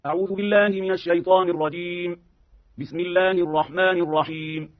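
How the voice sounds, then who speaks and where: Male reciter, high and level chant, steady measured delivery; dull old radio recording. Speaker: Quran reciter.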